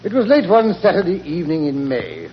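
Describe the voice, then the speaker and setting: A genial English doctor of older years, telling tales in a slightly high voice. He is fussy and easily indignant. The sound is a dull, faintly noisy 1940s radio drama. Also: huge pitch swings, a little fast. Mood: genial storytelling. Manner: avuncular, fussy, indignant when teased. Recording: muffled, noisy old 1940s radio recording.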